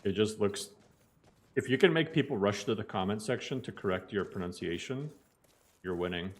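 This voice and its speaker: A man's voice: lowish voice, expressive, moderate pace. A man from Bosnia chatting casually while streaming a game, playful and jokey, often mangling words on purpose for laughs. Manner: playful, jokey, mock mispronunciations. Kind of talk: casual gaming stream chat.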